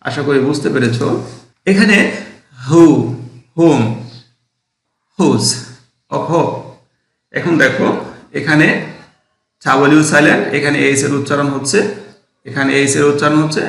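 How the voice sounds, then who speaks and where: A man's voice: medium pitch, gravelly, fairly bright tone, reverberant. A man teaching an English phonics lesson to students, repeating each word as he drills it.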